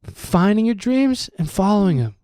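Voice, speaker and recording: A young man in his twenties hosts a relaxed chat at home, wandering from thought to thought with plenty of ums and jokes. His voice sits a little high for a man. The sound is dry and close. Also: normal speed, no room sound. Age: 20s. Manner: rambling and joking, full of fillers. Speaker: podcast host. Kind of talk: casual chat. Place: room at home.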